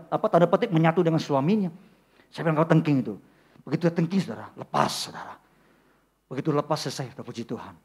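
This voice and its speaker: A man preaching a sermon in church, often calling out to the congregation, rising to loud peaks. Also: a little high, husky. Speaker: pastor.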